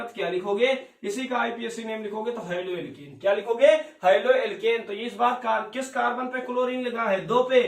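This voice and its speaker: Man, chemistry teacher, high voice, energetic call-and-response, distant mic, roomy echo. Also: vocal fry. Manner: energetic, repeats questions and answers them, calls students beta and bhaiya. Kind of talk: classroom lecture with call-and-response questions. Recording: echoey room, voice from far off.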